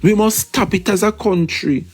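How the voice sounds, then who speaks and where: A man's voice: high voice, normal speed, slightly rough, faint music behind. Emphatic Jamaican man, political commentary. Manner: emphatic, repetitive, switches into patois.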